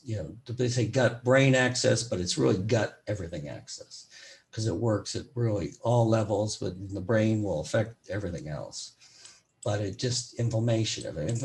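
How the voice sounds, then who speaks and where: A man with a raspy voice, a physician giving an educational medical talk in a loose, rambling way with many fillers. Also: lowish voice, darkish tone. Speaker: physician presenter.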